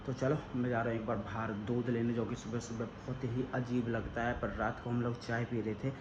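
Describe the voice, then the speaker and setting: A man's voice: mid-range voice, level tone, a little fast, dull audio. Chatty young man vlogging, noisy background. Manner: chatty, talks straight to camera and teases the dog. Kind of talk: casual family vlog chat. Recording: noisy handheld phone recording.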